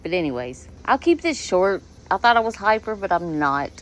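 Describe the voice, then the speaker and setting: A woman giving sarcastic, mocking reaction commentary on a clip, talking in a deadpan way. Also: medium pitch, normal speed, rough recording. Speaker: commentary host.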